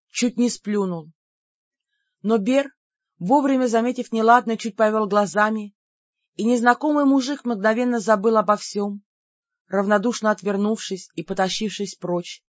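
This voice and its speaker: A woman's voice: medium pitch, dry recording, lo-fi sound. A woman narrating a first-person fantasy audiobook dramatically, speaking the heroine's cold commands herself. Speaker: audiobook reader.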